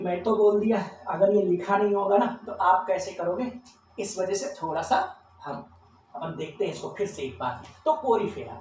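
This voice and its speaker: A man's voice: high voice, darkish tone, recorded from a distance. Man, teacher, drills memory tips, very echoey room, faint background hum. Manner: chants lists of names slowly and repeats them. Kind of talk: biology lecture drilling mnemonics.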